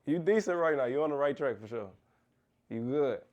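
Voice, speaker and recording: A man's voice: mid-range voice, expressive, a little fast, darkish tone, lo-fi sound, slight background noise. A young man hosting a casual chat, joking and hyping up the people he talks to. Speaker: host.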